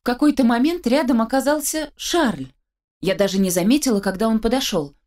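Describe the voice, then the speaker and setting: A woman narrating a first-person story as an audiobook reader, with lively storytelling and a dry wit. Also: fairly high pitch, a little fast.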